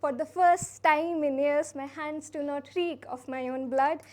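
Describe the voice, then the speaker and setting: A young woman from India performing a spoken word poem at a college event, with a soft, earnest and unhurried delivery. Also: high voice, fairly even intonation. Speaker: slam poet.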